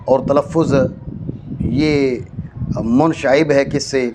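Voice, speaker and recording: A man's voice: medium pitch, steady tone, noisy background. A man teaching a classroom lesson, dictating phrase by phrase and quizzing his student. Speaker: teacher of Arabic grammar.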